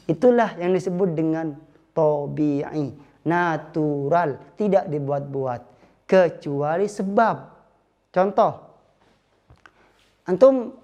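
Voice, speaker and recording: A man's voice: on the high side, darkish tone. A male Islamic teacher explaining a lesson patiently, acting out short spoken examples.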